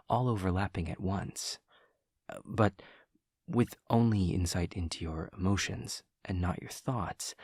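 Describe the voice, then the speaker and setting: In this heavily acted, intimate audio roleplay, a male performer plays a painfully literal demon classmate and friend who is awkward and earnest. The recording is dry and a little mellow, catching a low, husky voice up close. He sounds analytical and matter-of-fact, choosing precise, formal wording and pausing while he over-explains.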